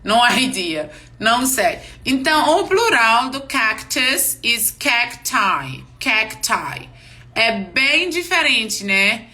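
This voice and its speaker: Bright-voiced woman teaching pronunciation slowly. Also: on the high side, big pitch swings. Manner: slow, drawn-out model words; checks in with "yes?" and "ok?". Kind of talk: live online class. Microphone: live-stream mic.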